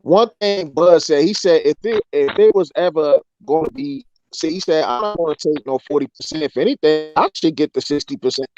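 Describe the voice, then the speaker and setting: A man's voice: fairly high pitch, expressive, brisk, hardly any pauses, a little mellow, highs cut off, faint music behind. A man on a boxing talk show arguing his point step by step over an online call, his voice chopping up and stuttering from a bad internet connection. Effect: choppy buffering stutter from a bad internet connection. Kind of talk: casual debate on a call-in show.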